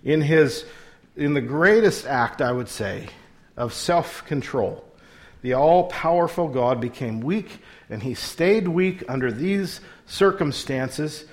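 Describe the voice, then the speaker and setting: A man's voice: on the high side, lively intonation, slow. A middle-aged man preaching an expository sermon as a pastor. He asks his listeners rhetorical questions and often restarts his words.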